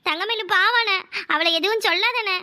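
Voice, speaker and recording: A squeaky pleading cartoon little sister. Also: female voice, brisk, pushed and bright, heavily acted. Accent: Kanyakumari Tamil. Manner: pleading, coaxing, defensive. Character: pleading loyal younger sister, young woman. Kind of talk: cartoon voice acting.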